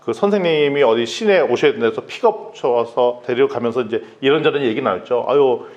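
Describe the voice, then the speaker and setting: A man's voice: medium pitch, fast, dull audio. A man preaching a sermon as pastor, telling stories and acting out quoted dialogue. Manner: lively storytelling, acts out quoted dialogue.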